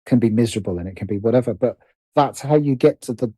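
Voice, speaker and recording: A mellow British man, a writer and producer, thinks aloud as a guest in a casual conversational interview. His medium-pitched voice has a breathy edge, and he is animated but halting, restarting and repeating phrases as he works things out. There is no room sound.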